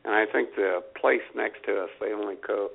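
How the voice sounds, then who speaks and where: A man with a low, gravelly voice co-hosts a talk show, speaking a little fast as he tells casual comic stories and acts out his exchanges with customers. The sound is thin, phone-like and lo-fi.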